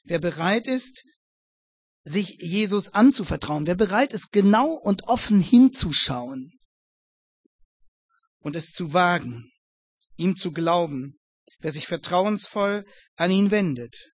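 High-voiced man preaching earnestly. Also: lively intonation, slow, pauses often, no room sound, studio quality. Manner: earnest, addresses listeners formally, builds emphatic repetitions. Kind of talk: Bible exposition sermon.

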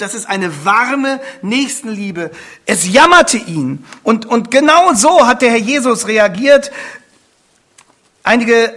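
Male preacher, sermon, emphatic and repetitive, bright, forceful tone. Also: high-pitched. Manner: emphatic, repeats words, rises to forceful appeals.

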